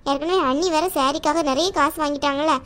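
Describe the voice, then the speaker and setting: A defensive younger sister in a cartoon, protesting and pleading. Her voice is extremely high and thin. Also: steady tone, quick pace, a bit bright. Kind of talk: animated cartoon voice acting.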